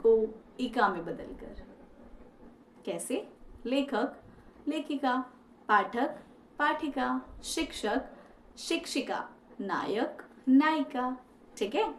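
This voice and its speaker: A woman's voice: on the high side, darkish tone, slight background noise. Woman teacher, echoey and distant. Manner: mixes English into Hindi, frequent "ठीक है" check-ins. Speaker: Hindi grammar teacher. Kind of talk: classroom lesson.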